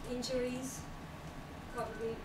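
At a small meetup, a young woman gives an earnest, explanatory presentation on technical writing, laughing lightly now and then. Her voice is a little high, level and a little slow. A far camera in a small, echoey room records her from afar, with loud background noise.

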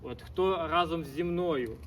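A man's voice: fairly high pitch, takes it slowly, fairly bright tone, a little hiss or hum. A man playing a monk who coaxes people to try potatoes, in a historical stage performance. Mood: coaxing. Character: monk bringing new potatoes. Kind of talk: historical theatre acting.

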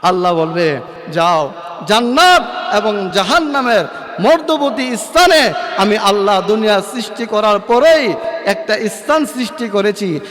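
A man's voice: high voice, lively intonation, measured pace, in a large hall. A man preaching an impassioned sermon in a sing-song chant, calling out to the crowd for responses. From Bangladesh. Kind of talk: chanted sermon at a religious gathering.

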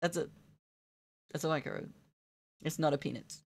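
A young woman with a fairly low voice chats casually with her stream viewers while drawing. She giggles often and gushes over her work. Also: moderate pace, a little mellow. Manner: giggly, gushing, talks to chat.

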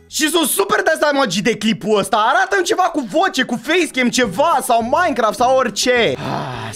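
Excitable high-voiced young man. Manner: excitable, loud outbursts, bantering with himself. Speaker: YouTuber reacting to his old videos. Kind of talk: excited reaction commentary.

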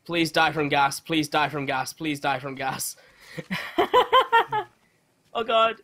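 Expressive and slow, with a sharp tone on the high side, a young male gamer chats excitedly with a teammate during a multiplayer match. He cracks jokes, swears, and lets out shrieks when the tension rises.

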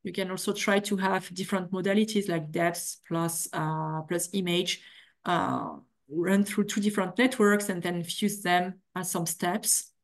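A middle-aged woman giving an academic keynote over a video call, halting often with fillers and restarts. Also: fairly low pitch, steady tone. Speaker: keynote speaker. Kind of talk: academic lecture. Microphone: video call webcam.

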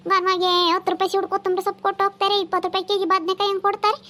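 A woman's voice: very high voice, flat delivery, pushed and bright. A woman playing a scolding village woman, haggling over vegetable prices. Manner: nagging, rapid-fire scolding. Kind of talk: comedy sketch acting.

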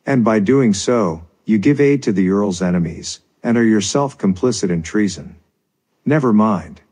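A man's voice: fairly low pitch, mellow, husky. A man voicing a stern, formal bailiff who speaks in a cold and threatening way. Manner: menacing, formal.

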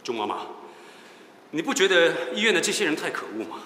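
A combative widower in a TV drama, quick and sharp-tongued, with a high voice that swings widely as he spars with the doctors. The voice rings in an echoey hall with ambient noise. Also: very animated. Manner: sarcastic, confrontational. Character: combative widower suspicious of the hospital.

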